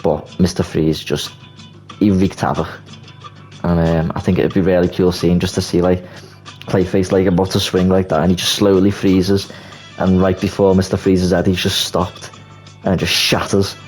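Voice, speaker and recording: Brief: young guy, very low voice, loose rambling fan chatter, soft music underneath. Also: level tone, normal speed. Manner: rambling, leans on "like" fillers. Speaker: video creator. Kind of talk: casual movie commentary. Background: soft background music.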